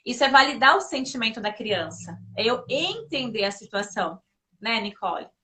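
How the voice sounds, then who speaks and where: Bright-voiced woman sharing parenting stories. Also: a little high, moderate pace. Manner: lively anecdotal, often addresses listeners directly. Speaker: guest, mother. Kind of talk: casual conversational advice.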